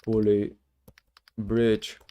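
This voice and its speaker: A man chatting casually as the host of a livestream, rambling in a slangy, halting way. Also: lowish voice, completely flat delivery, mellow, clear, resonant tone. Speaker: streamer, VTuber host.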